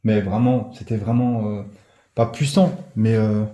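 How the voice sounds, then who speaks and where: A man on a ghost hunt in a manor, confirming readings in short replies and calling loudly to spirits. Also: on the low side, fairly even intonation, a little slow, roomy sound. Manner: short agreeing replies and loud calls to spirits. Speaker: paranormal investigator. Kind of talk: live ghost-hunting commentary. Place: large abandoned manor indoors.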